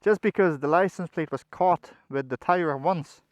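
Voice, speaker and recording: Higher-voiced man talking inside a helmet. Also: moderate pace, no echo, dull audio. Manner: swears often. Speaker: motovlogger. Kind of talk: casual motovlog talk to viewers. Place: outdoors on a motorbike and at the roadside.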